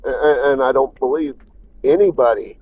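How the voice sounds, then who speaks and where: A man from Illinois calling into a talk show, speaking in a halting, hesitant way that repeats words. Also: mid-range voice, no echo, phone-quality sound. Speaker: caller. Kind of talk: phone-in conversation.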